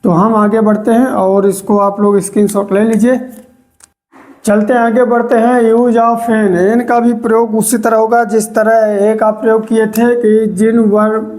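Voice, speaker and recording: A teacher giving a grammar lesson, repeating key words slowly and checking in with the listener. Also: mid-range voice, little pitch movement, a little mellow. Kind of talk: slow spoken grammar lesson.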